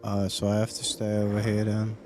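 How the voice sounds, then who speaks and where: Against background noise, a game streamer talks briskly in a low, monotone voice. He offers casual live commentary, thinking aloud, second-guessing himself, and reading on-screen text and chat.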